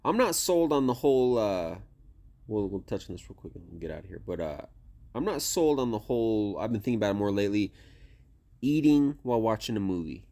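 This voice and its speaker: A man with a slightly low voice in casual podcast conversation. He sounds laid-back and informal, and drops swear words as he goes. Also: very animated, brisk, mellow. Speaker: podcast co-host. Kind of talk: casual chat.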